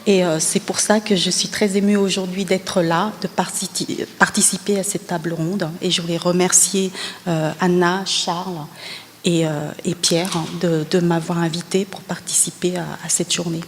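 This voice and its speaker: A woman from Vietnam, a university lecturer, giving a scientific talk at a conference, explaining slowly with many pauses and fillers. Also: lowish voice, little pitch movement, a little hiss or hum. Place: conference hall at a colloquium. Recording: long reverb of a conference hall.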